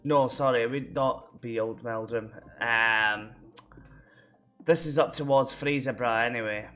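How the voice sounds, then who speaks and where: A man's voice: mid-range voice, unhurried, a bit bright, soft background music. A Scottish man vlogging in a casual, rambling way, with lots of fillers and restarts. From Scotland. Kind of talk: casual reflective chat.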